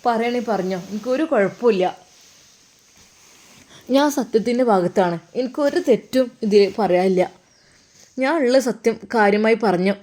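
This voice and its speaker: A woman's voice: a little high, moderate pace, pauses often, a little mellow, lightly acted. A woman voicing a stern older mother-in-law who lectures and scolds in a Malappuram Malayalam accent. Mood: scolding.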